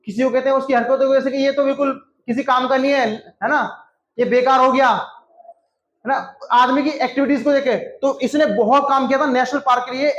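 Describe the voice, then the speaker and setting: A man's voice: extremely high pitch, a bit bright, highs cut off. A man teaching a classroom lesson, repeating answers over and over and quizzing students by name. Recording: echoey classroom.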